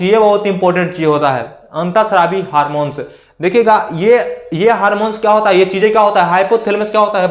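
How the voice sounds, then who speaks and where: A male coaching teacher giving a casual lecture, constantly asking and answering his own rhetorical questions. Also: high voice. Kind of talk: classroom lecture. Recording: echoey room.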